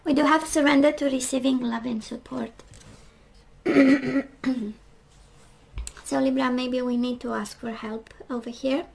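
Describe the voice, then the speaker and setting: A woman with a voice that is going hoarse, chatting casually through a tarot card reading and often asking "right?". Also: sits high, steady tone, brisk, few pauses, low-quality recording. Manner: chatty, reflective, frequent "right?" and "we do have". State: losing her voice, clearing throat. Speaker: tarot reader.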